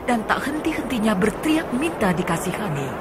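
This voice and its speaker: A woman narrates an old radio drama, telling the story with drama. Her pitch swings widely through each line. The old radio play recording is buried in loud tape hiss. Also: big pitch swings, fairly quick.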